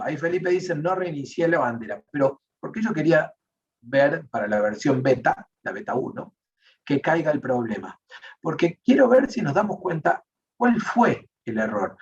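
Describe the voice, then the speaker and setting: A man with a Rioplatense Spanish accent teaching a programming class online, explaining step by step and often checking in with the students. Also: on the high side. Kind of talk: online class, live coding. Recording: distant, muffled online class audio.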